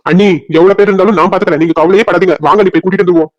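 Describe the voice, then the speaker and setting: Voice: medium pitch, steady tone, racing, lo-fi sound, natural voice. A performer voicing an earnest young man, eager to act, with a Kanyakumari Tamil accent.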